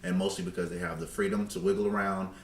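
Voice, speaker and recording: A deep-voiced man co-hosts a podcast, speaking quickly in a level tone as he tosses out emphatic, slangy opinions in a casual way. The room has a roomy echo, and background noise is clearly audible.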